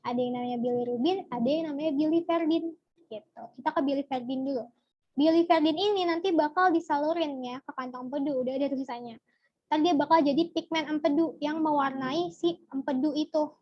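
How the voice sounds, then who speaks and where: A woman's voice: high voice, a little fast, no echo, lo-fi sound. A young woman giving a casual online biology lesson, chatty and asking her viewers questions as she explains. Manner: chatty, asks the viewers questions and answers from chat. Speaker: biology tutor.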